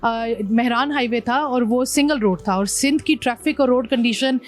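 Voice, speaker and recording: A woman's voice: on the high side, moderate pace, faint music behind. Pakistani woman telling of her road trip. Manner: animated storytelling, mixing in English words. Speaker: motorbike traveller, guest. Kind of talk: interview conversation.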